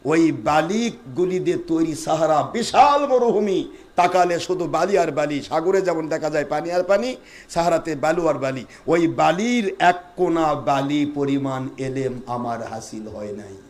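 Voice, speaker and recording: A man's voice: fairly high pitch, a little slow, darkish tone. A man preaching a Bengali religious sermon at a gathering, scolding and firing rhetorical questions at the crowd to draw call-and-response.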